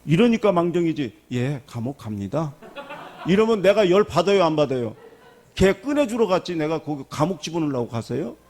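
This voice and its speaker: A man's voice: high voice, expressive, a little fast, darkish tone. A middle-aged male pastor preaching a sermon in a church, asking the congregation questions as he goes. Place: church sanctuary.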